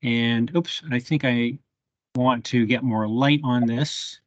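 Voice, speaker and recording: A man's voice: mid-range voice, fairly even intonation, takes it slowly, no room sound, highs cut off. A man leading a live bee identification workshop over a video call, thinking aloud with fillers as he works a microscope. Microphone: computer mic on a video call.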